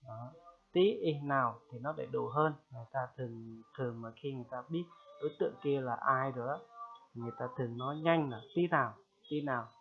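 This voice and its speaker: Man teaching, chatty and patient, keeps repeating words and checking in, sounds tinny like over a phone. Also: medium pitch. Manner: repeats phrases slowly and loudly for learners; chatty, checks in with "được chưa?". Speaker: language teacher. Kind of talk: casual spoken lesson.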